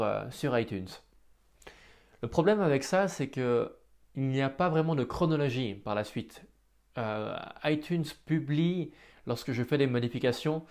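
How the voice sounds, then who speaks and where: A man's voice: medium pitch, darkish tone. A tired man, talking alone in his home office for a daily diary podcast and stammering and restarting words now and then. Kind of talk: casual spoken diary podcast.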